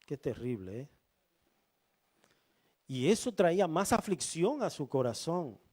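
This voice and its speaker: A man preaching a sermon as pastor, reading scripture and asking the congregation rhetorical questions in a slow, deliberate way. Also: on the high side, very animated, darkish tone.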